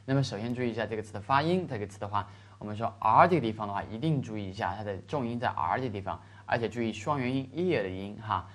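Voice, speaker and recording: A man teaching English vocabulary in Chinese, stretching out the English examples slowly and checking in with his listeners. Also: on the low side, animated. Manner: explains in Chinese with slow, drawn-out English examples and frequent "是吧" checks. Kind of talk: classroom lesson explaining vocabulary.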